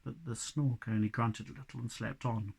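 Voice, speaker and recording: A man, a primary school teacher, reading a children's storybook aloud in an expressive way. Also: mid-range voice, normal speed, creaky, slightly rough.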